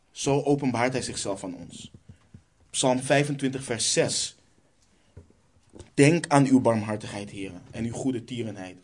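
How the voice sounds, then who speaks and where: Man preaching, mid-pitched. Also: darkish tone. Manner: reads Bible verses aloud, then asks and answers rhetorical questions. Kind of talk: sermon.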